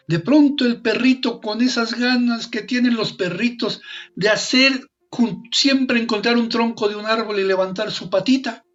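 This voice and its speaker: A man performs a folk tale aloud with a high-pitched voice. He swings between loud exclamations and hushed asides, repeating phrases for effect. The recording is dull and lo-fi, with faint music underneath. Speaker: storyteller. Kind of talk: oral storytelling performance.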